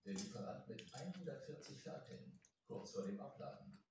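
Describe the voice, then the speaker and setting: A man reads scripted documentary narration at a moderate pace, his mid-range voice full of lively intonation. The recording is echoey distant playback with loud noise.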